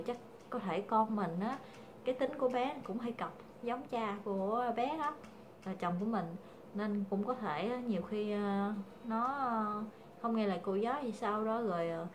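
A young woman chats to her viewers as a mother. She pauses often and fills the gaps with soft fillers as she goes. Her voice sits mid-pitched, with a faint ambient hiss behind it. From Vietnam. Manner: hesitant, many fillers, calls viewers family. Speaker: vlogger, mother. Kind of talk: casual chat to viewers.

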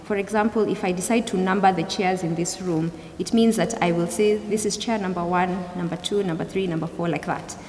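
A young adult woman giving a youth service sermon in a measured, explanatory way, often rephrasing as she goes. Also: on the low side, fairly even intonation, darkish tone. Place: large church hall, indoors. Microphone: gooseneck pulpit microphone. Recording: echoey hall, clear background noise.

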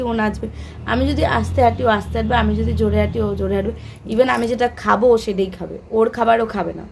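A woman's voice: medium pitch, creaky, a little mellow, slight background noise. Chatty young woman vlogger. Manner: rambling, many fillers and restarts. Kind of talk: casual chat to camera.

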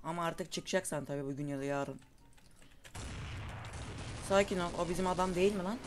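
Excitable young man narrating gameplay. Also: a little high, a little fast. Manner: excitable, calls out moves to viewers. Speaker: gaming YouTuber. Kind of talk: casual gameplay commentary. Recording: faint game noise and gunfire behind.

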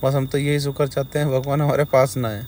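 A man filming a night camping vlog from a forest tent, urgent and shouting orders when alarmed. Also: medium pitch, level tone, a little fast, slight background noise. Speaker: vlogger.

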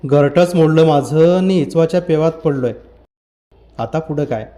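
A man's voice: high voice, fast talker, darkish tone, pitched above the performer's own voice, close to an everyday voice. A grave, determined rebel leader, as a male narrator puts him on, weighs each word in plain country speech. The voice sits a little above the reader's own and stays heavy with worry. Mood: grave, worried. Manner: serious, rustic dialect.

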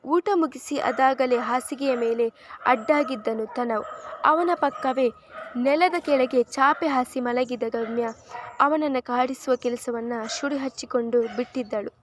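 A woman narrating a serialized romance novel in an expressive, steady storytelling voice. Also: high-pitched, measured pace, a little hiss or hum. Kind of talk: novel reading.

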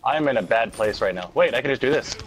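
A man's voice: mid-range voice, expressive, fast, slight background noise. A man chatting casually while gaming with friends, wry and sarcastic, swearing freely. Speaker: friend playing along.

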